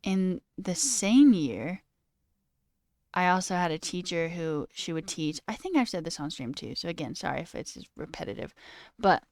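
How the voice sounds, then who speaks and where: With a lowish, darkish voice, lively intonation and normal speed, a woman chats casually with her livestream's live chat. Her storytelling rambles into tangents, with casual swearing and frequent "like"; the sound is clean studio quality with no echo, via corded headphones.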